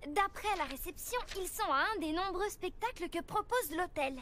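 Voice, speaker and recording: A woman playing a feisty, sharp-witted young kid in an animated series. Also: very high voice, normal speed, slight background noise. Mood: informative. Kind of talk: French animated series dubbing.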